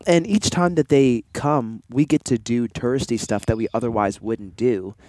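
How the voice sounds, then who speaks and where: A man's voice: medium pitch, normal speed, darkish tone, no echo. A man chatting casually as a co-host, rambling with lots of fillers and laughing easily. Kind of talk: casual chat.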